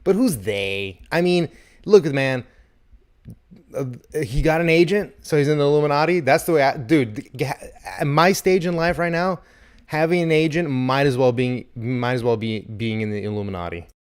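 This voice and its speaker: Smooth-voiced rambling man in his thirties. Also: mid-range voice, normal speed. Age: 30s. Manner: rambling, profane, joking. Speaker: podcast co-host. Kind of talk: casual chat.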